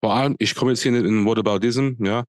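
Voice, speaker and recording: A man's voice: mid-range voice, steady tone, quick pace, no echo. Man, Palatinate German accent, thirties, blunt colloquial podcast chat, dry close sound. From Speyer, Germany. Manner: blunt, colloquial, many fillers and restarts. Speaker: podcast co-host. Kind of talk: casual chat. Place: home room, indoors. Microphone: studio mic on arm, video call.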